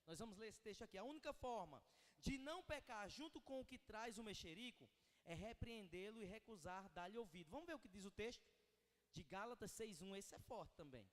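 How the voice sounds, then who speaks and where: A man's voice: sits high, animated, a little fast. A man with a Northeastern Brazilian Portuguese accent, preaching a sermon in a large church hall and acting out the quoted dialogue as he goes. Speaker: pastor. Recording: long church-hall reverb.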